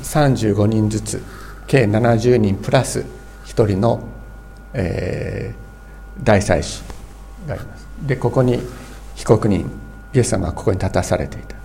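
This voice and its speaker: A man's voice: on the low side, unhurried, creaky, pauses often, warm tone, a little hiss or hum. Earnest man preaching a sermon. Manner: explanatory, earnest, with many fillers and restarts. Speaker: pastor.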